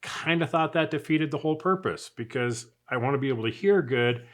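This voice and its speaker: Animated and brisk, a man with a mid-range voice gives an unscripted product review for his channel. He keeps it casual and chatty, as though working out his thoughts aloud.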